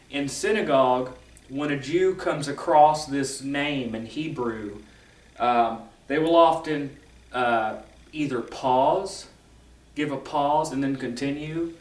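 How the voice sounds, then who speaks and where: A man explaining esoteric teachings in a casual, rambling lecture, correcting himself often and filling pauses with ums and uhs. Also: medium pitch, roomy sound, far from the mic, low-quality recording. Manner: rambling, self-correcting, filler-heavy.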